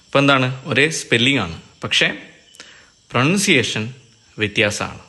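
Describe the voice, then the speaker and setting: A man with a Malayali accent teaching an English exam lesson, explaining in Malayalam and reading English definitions slowly. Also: mid-range voice, animated, sharp tone. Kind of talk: recorded online lecture.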